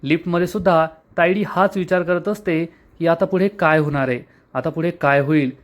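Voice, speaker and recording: A man narrating a serial episode recap in a steady storytelling read. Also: on the high side, moderate pace. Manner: steady, reads out quoted dialogue.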